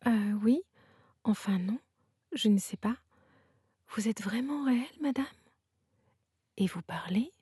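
A shy little girl stammers softly in a hushed, breathy voice, whispered by a woman. She sounds unsure of herself, pitched a bit above the narration, in a close whispered role-play. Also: animated, a little slow, pauses often, no echo, full character voice. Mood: timid. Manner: hesitant and timid.

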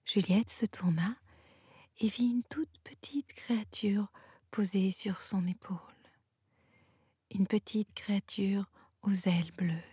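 A woman narrating a bedtime story in a hushed, unhurried whisper, a whispered role-play. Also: mid-range voice, husky, no room sound, clean studio sound.

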